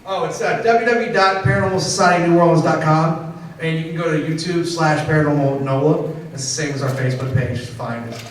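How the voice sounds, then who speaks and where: Man, paranormal investigator on a con panel, emphatic, higher register, distant recording with faint hiss and heavy room echo. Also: fast talker. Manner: emphatic, keeps checking in with "okay?". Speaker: paranormal investigator presenting evidence. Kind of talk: convention panel talk. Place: convention panel hall.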